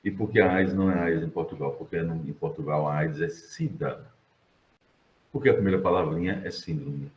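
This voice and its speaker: A man's voice: sits low, moderate pace. A middle-aged Brazilian man teaching a class, talking in a digressive, conversational way and putting questions to his students. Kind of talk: classroom lecture. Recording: roomy, dull classroom sound.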